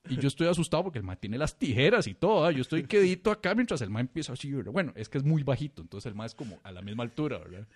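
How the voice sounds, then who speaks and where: A man's voice: mid-range voice, big pitch swings, rapid-fire, hardly any pauses, slightly rough. A man with a Costa Rican accent, a podcast co-host telling a rambling, self-mocking story in a casual, slangy way. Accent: Costa Rican Spanish.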